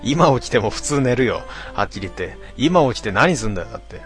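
A man hosting a casual late-night stream, reading out listener comments with grumbling asides and frequent throat clearing. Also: medium pitch, sing-song, fast, soft background music. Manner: grumbling, talks to himself, mock-annoyed asides.

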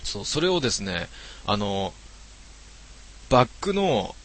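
A man streaming from home, chatting casually with lots of relaxed fillers. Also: on the low side, measured pace. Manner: relaxed, rambling talk with many fillers. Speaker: game streamer. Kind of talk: casual chat. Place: his home.

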